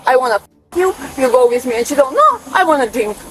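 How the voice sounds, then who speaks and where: A woman's voice: high voice, sing-song, fast, a little hiss or hum. Ukrainian woman pleading in broken English. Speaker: detained bar patron. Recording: police bodycam with music and crowd.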